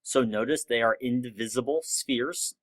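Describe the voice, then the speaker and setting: A man's voice: mid-range voice, moderate pace. A man teaching a chemistry lesson over slides in a casual, explanatory way, with some fillers. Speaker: chemistry instructor. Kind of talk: recorded lecture over slides.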